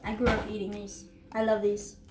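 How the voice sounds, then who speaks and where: A woman's voice: medium pitch, completely flat delivery, normal speed, roomy sound, background noise. A young woman vlogging casually, chatting and eating snacks as she talks. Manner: chatty, eats while talking. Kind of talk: casual snack-tasting vlog.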